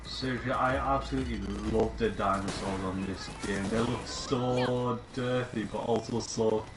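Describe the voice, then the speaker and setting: A man's voice: medium pitch, fairly even intonation, normal speed, over music. A young man chatting and teasing his friend while playing a video game. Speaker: gamer. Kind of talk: casual chat over gameplay. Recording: roomy, noisy, game sound.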